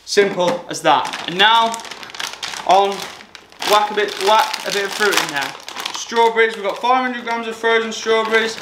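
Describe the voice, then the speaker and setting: A man's voice: sits high, steady tone, normal speed. Chatty young man in an echoey kitchen. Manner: chatty, upbeat, talking to camera while cooking. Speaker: fitness vlogger. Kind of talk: casual how-to vlog. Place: small home kitchen. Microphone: camera mic from across the room. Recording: echoey kitchen with clear background noise.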